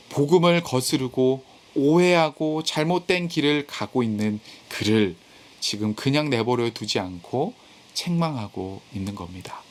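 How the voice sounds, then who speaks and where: A man delivers a sermon to a youth group, speaking in a slightly high voice. He is earnest and direct, pressing his points home with emphatic bursts. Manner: earnest, rising to emphatic when voicing scripture and rebuke. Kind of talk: sermon over live video call.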